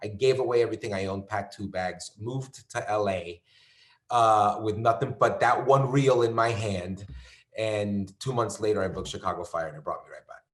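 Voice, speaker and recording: In an echoey room, a New York actor appearing as a guest chats casually at a normal speed in a fairly low voice. He rambles, with lots of fillers and restarts.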